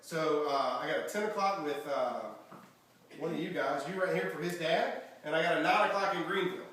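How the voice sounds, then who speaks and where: A man giving an energetic motivational seminar talk as a network marketing trainer, quizzing the audience with questions. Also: on the high side, a little fast. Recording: echoey room from far off, faint background noise.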